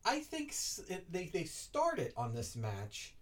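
A woman's voice: lowish voice, huge pitch swings, unhurried, recorded from a distance. A woman co-hosting a podcast in casual chat, making dry, crude wisecracks. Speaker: podcast co-host.

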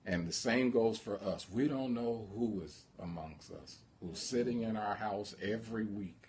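A man's voice: fairly low pitch, normal speed, a little mellow. A man preaching a sermon as pastor, impassioned and drawing call-and-response from the congregation.

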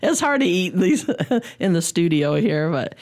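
A woman's voice: fairly low pitch, big pitch swings, unhurried, darkish tone. A woman talking as a guest cook on a radio show, chatty and rambling in casual conversation. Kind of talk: casual studio chat.

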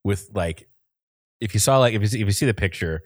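A young man chats casually on a podcast, his very low voice wandering through stories with plenty of fillers and laughs. The sound is dry and close. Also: animated, fairly quick, husky, dry recording. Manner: rambling, laughs often, many fillers. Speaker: podcast host. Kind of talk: casual chat.

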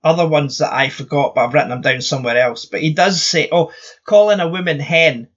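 Bright-voiced Scottish man ranting. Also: a little high, a little fast, lo-fi sound, slight background noise. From Scotland. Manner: blunt, swears freely, animated ranting. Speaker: podcast co-host. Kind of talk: casual chat.

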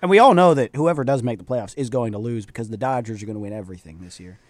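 A man's voice: mid-range voice, rapid-fire, a little mellow, no room sound. A young man co-hosting a college radio sports show, chatty and eager, often saying "like". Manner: chatty, enthusiastic fan, fills with "like". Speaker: co-host. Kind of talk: casual sports talk.

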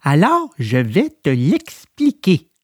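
A woman voicing a gentle, wise little female marmot who consoles with sighs. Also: sits low, wildly swooping pitch, slow pace, slightly rough, dry recording, studio quality, full character voice. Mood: consoling. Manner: consoling, sighing. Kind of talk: storybook drama.

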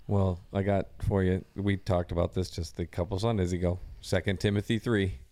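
A man co-hosting a church men's podcast, reading scripture slowly and low, and joking and laughing with the group. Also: flat delivery, warm tone. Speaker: podcast co-host. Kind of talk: casual chat.

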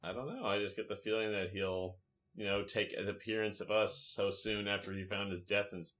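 A man's voice: on the low side, fairly even intonation, fairly quick, fairly bright tone. A man playing a tabletop game, joking and laughing often. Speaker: player. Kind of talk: casual chat in a tabletop game.

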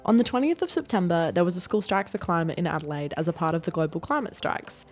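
A young woman co-hosting a podcast chats fast and says "like" a lot, mixing casual talk with street reporting. Her voice is fairly low and darkish, with soft music in the background.

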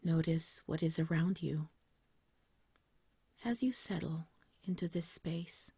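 A woman guiding a meditation like a sleep story narrator, in a soft, whispery, breathy voice with a gentle, soothing, unhurried manner. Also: sits low, dry recording. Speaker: meditation guide.

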